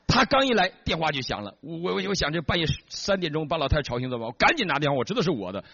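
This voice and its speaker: A man giving a sermon-style testimony, telling his story in an animated, dramatic way on a dull recording. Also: on the high side, very fast, creaky, breathy edge, no room sound.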